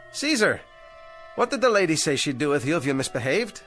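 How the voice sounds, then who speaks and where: An actor plays a struggling, down-on-his-luck ventriloquist in a 1960s TV drama, talking in an eager, fretful, anxiously upbeat manner. His voice is slightly high and sing-song, with a fairly bright tone and moderate pace. Faint music plays in the background.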